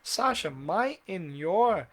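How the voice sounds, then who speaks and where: A man teaching a live online English grammar class, patiently explaining with many rhetorical questions and slowly repeating example sentences. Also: high voice, very animated, fairly bright tone.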